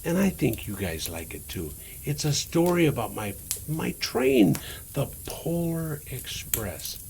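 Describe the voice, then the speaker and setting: In a gravelly, slightly high voice with big pitch swings, an older man reads a storybook to children at a measured pace as Santa. He addresses them directly, gentle and full of wonder, over slight background noise.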